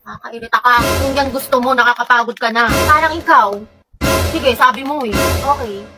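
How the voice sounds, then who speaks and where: A young woman tears through comedy sketches in a quick, teasing, bickering way. Her voice sits high and the talk races along. Music plays under her lines. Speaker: comedy skit performer. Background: background music.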